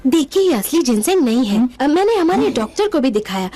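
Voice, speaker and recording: A woman's voice: high-pitched, very animated, fairly quick, dark tone. An actress dubbing a polite, worried woman who hesitantly complains to a doctor. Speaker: dubbing actor. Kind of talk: Hindi film dub.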